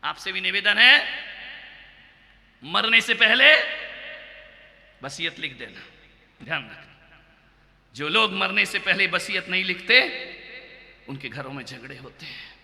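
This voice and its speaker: A man, a monk preacher, delivering a loud declamatory sermon to a congregation, often rising into shouting. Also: high voice, expressive, measured pace, pauses often. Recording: echoey hall with long reverb.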